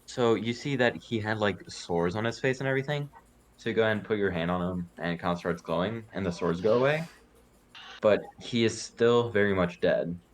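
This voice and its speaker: A man narrating as game master in a casual, halting way with fillers. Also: lowish voice, slight background noise.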